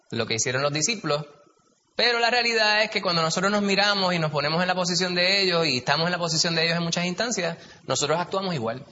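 A man's voice: fairly high pitch, pushed and bright. A man with a Puerto Rican accent leading a Bible study in a chatty way, putting questions to the group. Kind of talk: conversational Bible teaching. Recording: dull, echoey hall recording, faint hiss.

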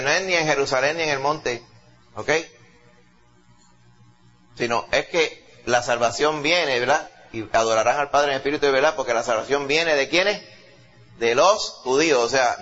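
A man's voice: medium pitch, fairly bright tone. A man preaching a sermon, telling the story dramatically and building up to emphatic peaks. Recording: dull lo-fi recording.

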